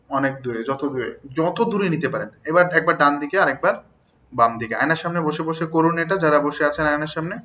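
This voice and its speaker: Bright-voiced man teaching diction drills. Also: on the high side, rough recording. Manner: chatty teacher who checks in with listeners and demonstrates drills aloud. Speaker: teacher of standard Bengali pronunciation. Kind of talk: spoken lesson on jaw and diction exercises.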